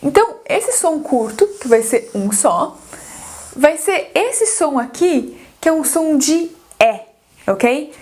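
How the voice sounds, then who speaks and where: A woman with a Brazilian Portuguese accent teaching English pronunciation, patiently repeating each model word and dropping her pitch on the drill words. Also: animated, takes it slowly, darkish tone. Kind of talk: slow, patient pronunciation lesson.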